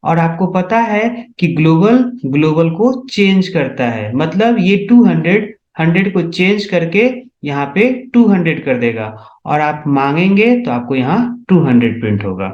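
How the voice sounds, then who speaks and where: A man's voice: on the high side, lively intonation, moderate pace, a little mellow. A man teaching C programming in a step-by-step tutorial, often asking whether his students are following along. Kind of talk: screen-recorded coding tutorial. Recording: echoey, dull lo-fi room sound.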